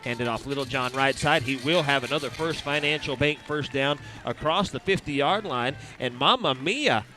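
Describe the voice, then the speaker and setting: Man calling high school football play-by-play. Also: sharp tone. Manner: brisk play-calling with sponsor reads. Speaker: play-by-play announcer.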